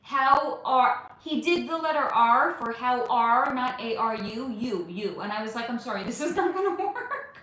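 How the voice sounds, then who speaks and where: A woman in her forties, a spiritual reader chatting on a live stream, reading viewer comments aloud in a chatty, animated way with casual swearing. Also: fairly high pitch, normal speed, echoey room. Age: 40s.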